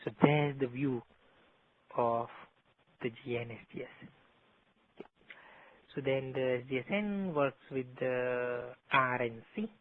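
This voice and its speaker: A man of middling pitch teaches a technical class, walking through each step in a methodical way. His voice comes through a landline phone, tinny and narrow. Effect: heard over a landline phone. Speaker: instructor. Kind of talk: technical training lecture.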